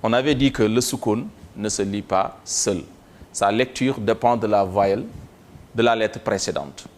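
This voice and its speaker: A middle-aged man teaches reading in a slow, measured lesson, breaking words into syllables and saying each one again and again. His voice sits low and he takes his time over every sound. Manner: spells out syllables slowly and repeats them.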